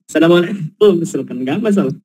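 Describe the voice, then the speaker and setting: A man's voice: on the high side, lively intonation, quick pace, a little mellow, breathy edge, no echo, rough recording. A man from Indonesia teaching an Arabic class, explaining patiently with examples and checking whether his students follow.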